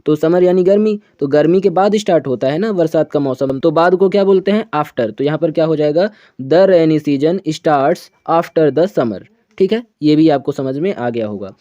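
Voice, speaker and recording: A man with a mellow, slightly high voice and lively intonation teaches a grammar lesson, repeatedly asking questions and then answering them himself. He reads every example sentence slowly. The lo-fi recording is dry, a little dull, and has no echo.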